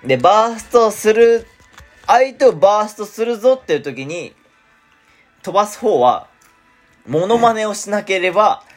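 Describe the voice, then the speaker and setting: A man explaining game rules in casual chat, jumping into excited yelps. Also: sits high, normal speed, pauses often, soft background music. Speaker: gamer.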